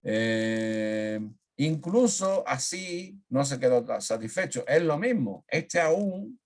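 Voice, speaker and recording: A man giving an online grammar lesson on a video call. He fills pauses with "eh" and keeps checking in with "¿eh?". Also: medium pitch, animated. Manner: frequent "eh" fillers, checks in with "¿eh?". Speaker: teacher.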